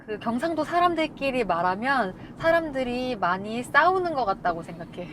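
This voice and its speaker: A woman from Korea chatting casually as a co-host, animated and laughing. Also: fairly high pitch, rapid-fire. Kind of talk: casual chat. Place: inside a moving car. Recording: faint car noise.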